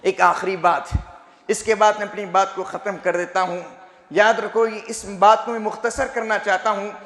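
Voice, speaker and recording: A young man preaching a Friday sermon in a mosque, impassioned and rising often into shouts. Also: high-pitched, steady tone, moderate pace. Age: young adult. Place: mosque hall. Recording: echoey hall reverb.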